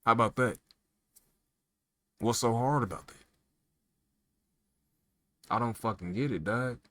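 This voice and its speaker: A man's voice: mid-range voice, unhurried, a bit bright, no room sound, clean studio sound. A man delivering a profane, heated political rant, firing rhetorical questions at the listener. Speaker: political commentator.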